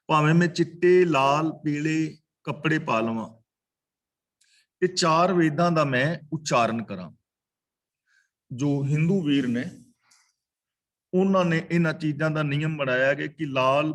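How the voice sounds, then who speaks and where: A man teaching a scripture class, slowly chanting verses and then explaining them word by word and correcting their pronunciation. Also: a little high. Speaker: katha teacher. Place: online class over video call.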